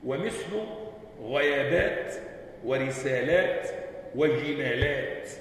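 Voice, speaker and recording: A man's voice: mid-range voice, slow, a little hiss or hum. A man with an Egyptian Arabic accent, a sheikh teaching a class. He reads a text aloud and explains it, keeps checking in with rhetorical questions, and spells out words letter by letter. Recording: echoey hall, voice from far off.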